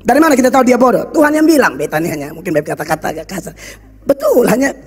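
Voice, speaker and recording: A pastor with a Kupang accent, preaching a blunt, scolding sermon full of local slang. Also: male voice, extremely high pitch, huge pitch swings, racing. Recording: reverberant hall with faint music.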